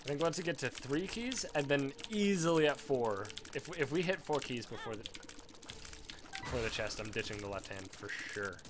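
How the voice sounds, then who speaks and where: A twenty-one-year-old man with a sore throat does casual let's play commentary, rambling, self-deprecating, and now and then swearing at the game. His medium-pitched voice has lively intonation at a moderate pace, over background noise.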